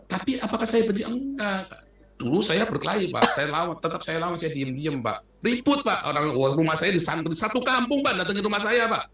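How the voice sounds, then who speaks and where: Man recounting his past, bright and echoey. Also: high-pitched, lively intonation, brisk. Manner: agitated, repeatedly addressing the listener as sir. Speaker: interviewee in a played clip. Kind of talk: emotional personal account. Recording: echoey room, voice far from the mic.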